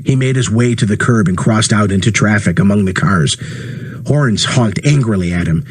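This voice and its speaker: A man with a husky voice reading a story aloud, voicing the dialogue by lifting his pitch. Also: normal speed. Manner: acts dialogue with rising pitch. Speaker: narrator. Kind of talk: audiobook reading.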